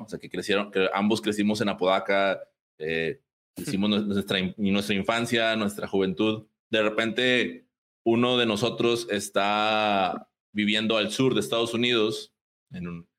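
A young man from Mexico, hosting a casual podcast and talking in a relaxed, rambling way with many restarts. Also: fairly low pitch. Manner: relaxed, rambling with frequent restarts and short laughs. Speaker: podcast host. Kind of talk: casual podcast intro and interview.

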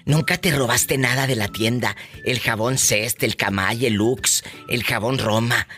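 A man's voice: medium pitch, a little slow, bright, forceful tone, soft background music. A man with a Mexican accent hosting a radio talk show, teasing and theatrical, with playful exclamations.

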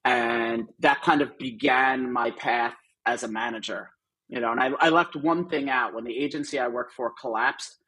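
On a podcast with poor audio, a middle-aged guest who manages artists shares career stories casually, chatting and rambling with lots of fillers and asides. He speaks at normal speed in a sharp, breathy, mid-range voice with fairly even intonation.

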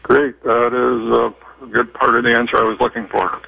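A man calling in over the phone, speaking haltingly with many fillers. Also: medium pitch, little pitch movement, creaky, slightly rough, no room sound. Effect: heard over the phone. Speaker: caller. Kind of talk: casual call-in question. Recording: dull phone-line sound.

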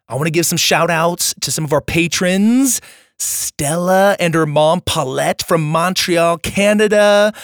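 Chatting casually and enthusiastically to young listeners, the adult host and storyteller of a children's podcast, himself a father of young children, speaks in a voice strained from nearly losing it. His pitch is fairly high, and the studio-quality sound has no echo.

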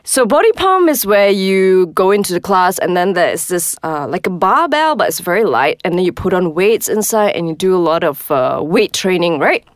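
A woman's voice: lowish voice, big pitch swings, normal speed, few pauses, no echo, clean studio sound. A woman with a Singaporean accent chatting casually and playfully as a co-host, speaking colloquial Singlish. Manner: colloquial Singlish with particles like lah; giggly, playful. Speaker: co-host of a fitness discussion show. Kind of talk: casual chat.

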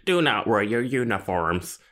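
A man in a casual chat imitating a robotic computer voice that gives orders with a slow, clipped, mechanical delivery. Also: lowish voice, lively intonation, fairly bright tone, voice pushed up. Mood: commanding.

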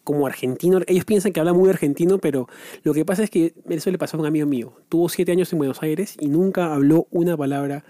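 A man's voice: fairly high pitch, fast talker, dark tone, dry recording, clean studio sound. A man from Peru with a Peruvian accent, co-hosting a casual podcast chat and explaining at length with many restarts. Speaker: podcast co-host.

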